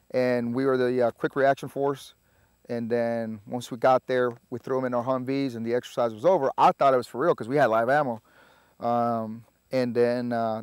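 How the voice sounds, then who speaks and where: A man, a Spanish speaker, telling his story in a relaxed, halting way full of filler sounds. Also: medium pitch, clean tone, dry recording, clean studio sound. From Puerto Rico. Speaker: army veteran guest. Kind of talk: casual interview storytelling.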